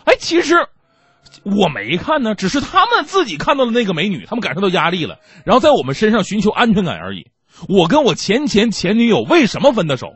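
A man's voice: sits high, fast talker, breathy edge, dry recording. A man hosting a stand-up comedy show, telling stories with playful self-mockery and acting out the people in them. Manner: animated storytelling with acted-out quotes.

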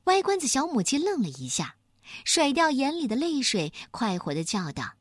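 A woman narrating a children's story in an expressive, animated way. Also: sits high, normal speed, no room sound, studio quality.

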